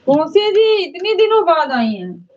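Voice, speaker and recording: A woman singer chatting casually with viewers on a livestream from her home. She talks easily with her audience and gently coaxes and soothes small children nearby. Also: extremely high pitch, very animated, a little slow. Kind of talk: casual live chat. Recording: dull lo-fi livestream audio with faint noise.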